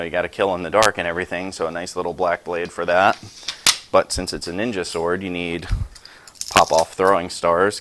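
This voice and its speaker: Casting note: forties male vlogger, very low voice, rambling, self-deprecating, casual show-and-tell. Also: fairly bright tone, a little hiss or hum. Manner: chatty, self-deprecating, rambling asides with sound effects. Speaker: YouTube host showing his sword collection.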